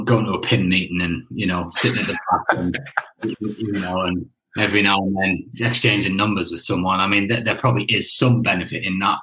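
Deep, bright-toned interview host man. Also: rough recording. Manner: relaxed, repeats words while thinking. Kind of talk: casual interview chat.

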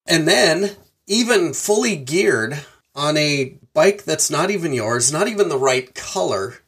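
A man's voice: a little high, a little slow, slightly rough. A man hosting a podcast interview, chatting casually and laughing along with his guest. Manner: laughs easily, lively. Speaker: podcast host.

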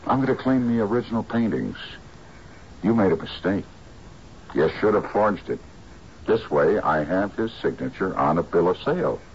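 A muffled drama soundtrack with some noise carries a shrewd private detective. His voice is very deep, and he lays out his case drily, with deliberate sarcasm. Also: animated. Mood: sardonic, scornful. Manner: dry, deliberate, sardonic. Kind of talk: screen drama acting.

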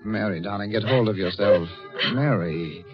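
A man's voice: fairly low pitch, normal speed, music in the background, close to an everyday voice. An actor playing an earnest, agitated young man in 1940s radio drama style. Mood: concerned. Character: earnest, anxious young man, worried fiancé. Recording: dull old radio recording.

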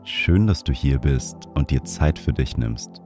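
A man's voice: very deep voice, lively intonation, a little slow. A man giving scripted guidance as the host of a meditation. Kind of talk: scripted meditation introduction and instruction. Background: music.

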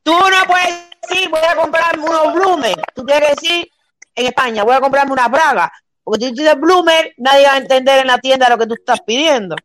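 A woman's voice: sits high, fairly quick, a bit bright, dry recording. A middle-aged woman with a Cuban accent, explaining her points in a casual chat and checking that she is understood. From Cuba.

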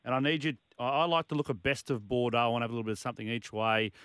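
Quick Australian male radio co-host. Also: mid-range voice, a bit bright, smooth, no echo. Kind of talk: casual racing chat. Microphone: close studio microphone.

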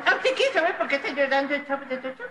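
A man's voice: very high voice, animated, quick pace, over a noisy crowd. An actor playing an eager, know-it-all spoiled boy, recorded in a roomy TV studio with an audience.

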